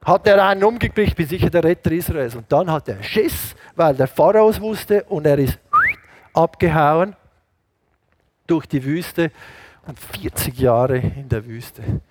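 A middle-aged man preaching an animated sermon full of stories, jumping between loud outbursts and hushed asides. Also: a little high, a little slow, dry recording. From Switzerland. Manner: animated, switches between shouting and hushed quoted voices. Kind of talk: lively sermon with anecdotes.

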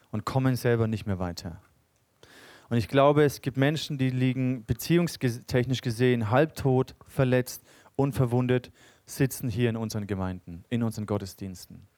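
Young male pastor, earnest sermon delivery, mid-pitched, dry mic. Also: a little mellow, no echo. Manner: earnest, builds in emphasis, reads scripture aloud. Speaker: preacher.

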